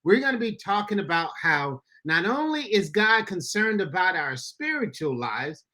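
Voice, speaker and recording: Male pastor-host, high bright voice, upbeat and folksy with listeners. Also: sing-song, moderate pace. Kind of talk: casual podcast chat. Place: Florida.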